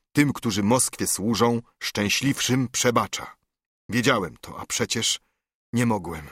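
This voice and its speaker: A man's voice: lowish voice, a bit bright, no echo, studio quality. Man reading as a dying, remorseful old monk. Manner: grave, measured confession. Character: dying older monk, once a proud nobleman, remorseful. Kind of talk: audiobook reading of verse.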